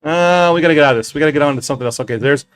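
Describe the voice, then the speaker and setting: A man running a casual livestream from his basement office, swearing a lot, getting excited and then putting himself down. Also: a little high, racing, clean tone. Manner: profane, excitable, self-deprecating. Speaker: comic shop owner streaming.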